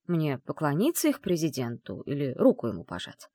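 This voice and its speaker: A woman's voice: low-pitched, huge pitch swings, brisk, warm tone, no echo, clean studio sound, heavily acted. A woman voicing a feisty young bride from another world, whiny and exclaiming. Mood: anxious pleading.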